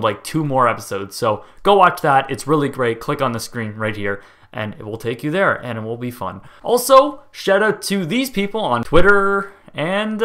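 Over footage in a laid-back documentary video, a young host from the United States narrates in a medium-pitched voice. His delivery is excitable and full of jokes, and he fumbles the place names.

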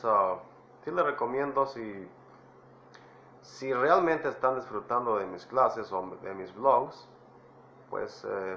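A man teaching English phrases in a slow, patient way, full of "ah" and "ok" fillers. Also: medium pitch, a little hiss or hum. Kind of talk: casual English lesson in Spanish. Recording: roomy, dull lo-fi sound.

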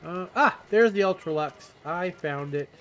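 A man's voice: sits high, lively intonation, normal speed, fairly bright tone. A man hosting a gameplay video, casually thinking aloud as he plays. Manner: thinks aloud, echoes game dialogue. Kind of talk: casual game commentary.

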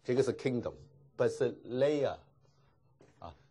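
A man's voice: mid-range voice, animated, slow pace, mellow. A man teaching a Greek class, explaining patiently and dropping frequent filler particles. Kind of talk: classroom lecture.

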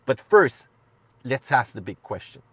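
A man with a French Canadian accent hosting a casual car review, playful and quick to laugh as he questions his co-host. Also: mid-range voice, very animated, husky, dry recording.

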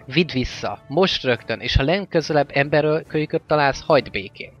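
A man voicing a fierce, weary male orc warlord in a stern, forceful manner, on a slightly dull recording with faint music. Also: a little high, lively intonation, voice pushed up, natural voice. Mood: commanding.

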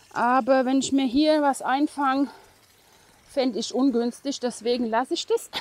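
A woman's voice: high voice, a little mellow. A middle-aged woman chatting to the camera while hiking an outdoor forest trail, rambling with many fillers and laughs, a little out of breath. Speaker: hiking vlogger. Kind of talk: casual chat to camera. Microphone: camera held at arm's length.

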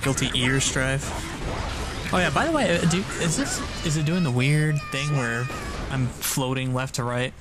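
A man doing live play-by-play commentary on a fighting game tournament, jokey and excitable, munching on food as he talks. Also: mid-range voice, moderate pace. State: eating while talking. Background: music playing behind.

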